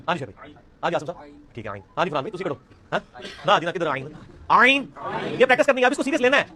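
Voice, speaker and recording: Fast-talking teacher. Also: male voice, high voice. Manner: demonstrates sounds, repeats them loudly; addresses students by name. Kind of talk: online class lesson.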